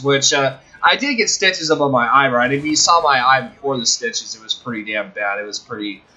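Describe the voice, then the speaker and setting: A young man hosts a video, casually telling a personal story in a halting, rambling way and correcting himself as he goes. His voice is medium-pitched with a sharp tone, and the audio is poor.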